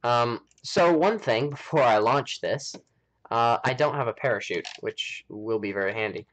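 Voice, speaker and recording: An American man rambles casually on his game live stream, thinking aloud as he plays. His voice is medium in pitch with a fairly bright tone, and he moves at a moderate pace.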